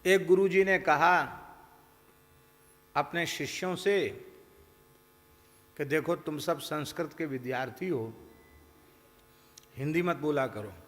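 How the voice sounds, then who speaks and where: A man's voice: on the high side, takes it slowly, long pauses, fairly bright tone, long reverb tail. A man giving a devotional discourse, telling stories and mimicking village characters in their voices. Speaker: spiritual teacher.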